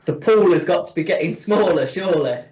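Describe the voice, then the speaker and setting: A fairly high, slightly mellow male voice comes through a computer mic on a video call, a little fast and clearly blocked-nosed. He's chatty and opinionated with plenty of fillers, and the room echo and distance from the mic leave the sound dull.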